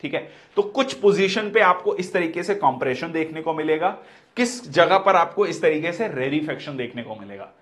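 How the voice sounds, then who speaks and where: A man delivers an exam-prep physics lecture in a fairly high voice. He explains step by step, repeats key terms and checks in often with short confirmations. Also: lively intonation, normal speed, fairly bright tone. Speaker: physics teacher.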